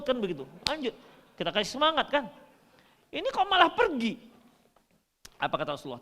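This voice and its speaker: A man from North Sumatra, Indonesia, preaching a humorous sermon, shifting between loud and soft. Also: sits high, big-room sound. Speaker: Islamic preacher.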